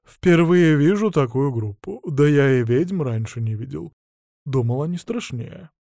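A man voicing a timid male bard in an audiobook, talking slowly and pleadingly. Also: on the high side, expressive, vocal fry, dark tone, no room sound, clean studio sound. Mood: hesitant. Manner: slow, pleading.

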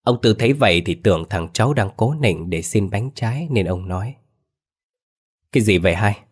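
A man narrating a ghost story in a folksy, lively storytelling manner. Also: on the low side, fairly quick, breathy edge.

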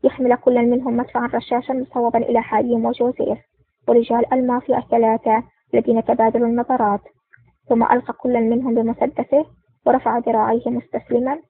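A woman narrating a spy thriller audiobook in a quick, even reading, on a dry, tinny line. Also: a little high, breathy edge, no room sound. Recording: dry, tinny phone-like sound.

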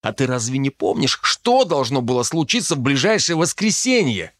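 For an audiobook, a man voices a brash, crude teenage boy at a magic academy who is loud and impatient as he teases his friend. The very animated, medium-pitched delivery sits above the performer's own voice and moves at a moderate pace, captured with studio quality and no room sound.

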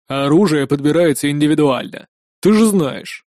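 A man voicing an old male gunsmith with a hoarse voice, who talks slowly and grumbles calmly. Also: fairly high pitch, dry recording, clean studio sound, voice pushed down, natural voice. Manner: slow, unhurried and gently reproachful.

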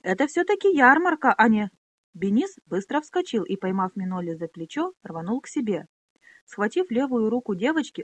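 Brief: woman audiobook narrator, lively intonation, close dry studio sound. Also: medium pitch, husky, dry recording. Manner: expressive, animated.

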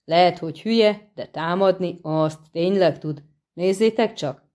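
A woman voicing a boastful, gruff male dwarf who shouts as a herald in a storybook reading. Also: fairly low pitch, lightly acted. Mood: eager. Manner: loud, bellowing, cocky.

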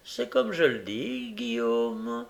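A man's voice: high voice, lively intonation, slow pace, a bit bright, voice pushed up, exaggerated voice. A man voicing a bold young woman who speaks with defiance and, at times, desperate pleading. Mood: defiant.

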